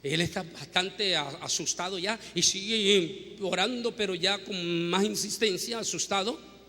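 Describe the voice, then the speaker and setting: Male preacher, high bright voice, dramatic storyteller moving from hushed to shouting, big church reverb. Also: unhurried. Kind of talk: sermon. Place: large church. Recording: long hall reverb.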